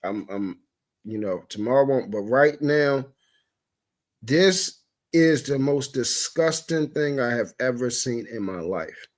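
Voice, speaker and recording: On a livestream talk show, a man with a mid-range, lively voice rants heatedly and profanely at a slow pace. When upset he stammers through restarts and keeps breaking off to apologize.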